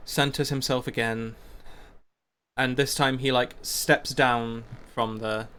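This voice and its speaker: A man running a tabletop game as game master, narrating with hesitant pauses and fillers. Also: medium pitch, fairly even intonation, pushed and bright, clean tone. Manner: hesitant, many fillers, descriptive.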